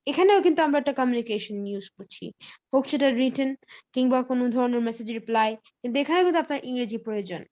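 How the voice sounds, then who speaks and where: Teaching English in a live online class, a high-voiced woman walks through the material step by step, pausing on fillers and mixing in English phrases. She sounds animated yet a little mellow. The audio is slightly dull and lo-fi, like a computer mic on a call.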